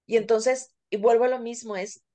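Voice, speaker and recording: A woman's voice: a little high, fairly even intonation, moderate pace, mellow. A middle-aged Mexican woman co-hosting a podcast, talking candidly and casually with plenty of fillers. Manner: candid, confessional, many fillers. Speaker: podcast co-host.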